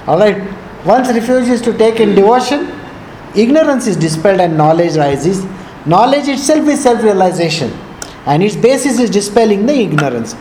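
Male spiritual teacher, South Indian accent, high-pitched voice, chatty instructive delivery with questions to listeners, echoey room. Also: a little mellow. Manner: didactic, conversational, often checking understanding with questions; switches between English and Hindi. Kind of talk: informal spiritual discourse. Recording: echoey room with faint noise.

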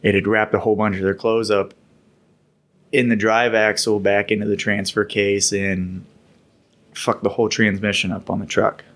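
A man's voice: fairly low pitch, little pitch movement, moderate pace, fairly bright tone. Laid-back man telling war stories. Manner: laid-back, rambling, laughs while telling. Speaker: podcast co-host recounting military service. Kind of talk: casual storytelling.

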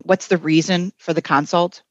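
A woman's voice: on the low side, fairly even intonation, moderate pace, no echo. Frank woman on a dry, dull line. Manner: frank, talks through points with fillers. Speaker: health system ethics executive, guest. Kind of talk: conversational interview answer.

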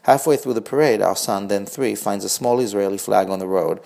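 A man's voice: on the low side, a little fast, creaky, warm tone. A man in his forties with a wry, reflective manner, reading his own scripted personal essay as a blog host.

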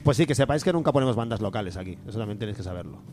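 A man's voice: lowish voice, animated, very fast, music in the background. A man co-hosting a radio talk show, bantering crudely and laughing often with his co-host. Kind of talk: casual banter.

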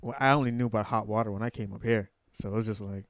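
A man, chatting loosely on a podcast, slangy and profane. His voice sits fairly low and sounds smooth and clean. The recording is close and dry, with no room sound. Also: fairly even intonation, rapid-fire, no echo. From Trinidad. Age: 30s. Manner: laid-back, slangy, profane, laughs often. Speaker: podcast co-host. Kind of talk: casual chat.

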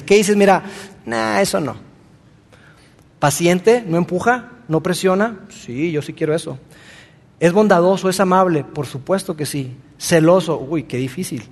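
A man's voice: high-pitched, a little mellow, long reverb tail. A man preaching a sermon, speaking earnestly and addressing the listener directly with rhetorical questions. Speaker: pastor.

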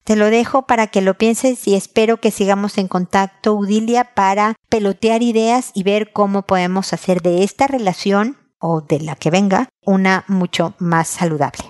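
A woman's voice: medium pitch, moderate pace, few pauses. Woman giving firm relationship advice. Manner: speaks straight to the listener by name, with firm warmth. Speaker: advice show host.

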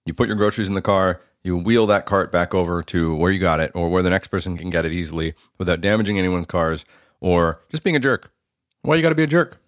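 A man's voice: low-pitched, fast talker, no room sound, clean studio sound. A man, co-hosting a casual chat podcast, joking and talking between bites of food. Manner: joking, talks while eating. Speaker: podcast co-host.

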